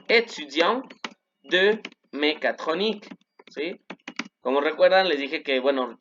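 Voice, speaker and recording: A young Mexican man with a Mexican Spanish accent, a French teacher patiently explaining a recorded online lesson, repeating examples slowly with fillers. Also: on the high side, a bit bright. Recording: slightly dull lo-fi recording with faint noise.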